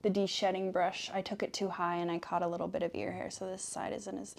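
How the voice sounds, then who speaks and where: A woman's voice: on the low side, flat delivery, quick pace, vocal fry. A woman chatting casually for ASMR while brushing a cat, rambling playfully and slipping into affectionate talk to her pet. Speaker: vlogger making ASMR videos. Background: cat purring.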